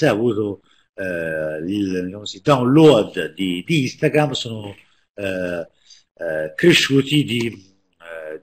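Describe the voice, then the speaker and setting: A man's voice: lowish voice, husky. A man with an Italian accent presenting a webinar, explaining step by step with many hesitations and restarts.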